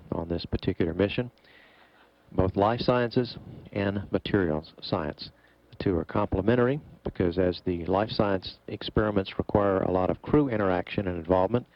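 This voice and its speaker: A man giving measured, formal, explanatory commentary as a mission operations announcer. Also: sits low, dry recording. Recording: dull, muffled broadcast feed.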